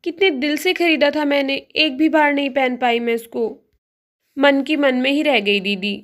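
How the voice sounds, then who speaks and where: A cheerful young sister-in-law, voiced by a woman in a homemade doll storybook. She chats and teases her elder in a high voice. Respectful but playful. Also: normal speed, natural voice. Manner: chatty, teasing, respectful to elder.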